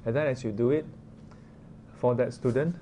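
Warm in tone, a man's mid-range voice proceeds at a moderate pace as he teaches a class informally. He has a Singaporean or Malaysian accent and keeps it conversational, regularly tossing out short questions with local particles. Clear room noise surrounds this interactive lesson.

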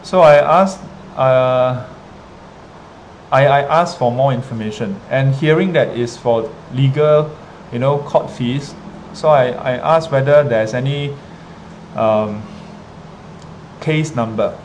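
Singaporean guy on a livestream chatting to viewers, lots of pauses and repeats, average pitch, noisy ambient sound behind him. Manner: hesitant, halting, with frequent pauses and repetitions. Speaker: livestream host, teacher addressing students. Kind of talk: casual livestream storytelling, reading viewer comments. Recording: clearly noisy ambient background. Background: ambient noise, rain.

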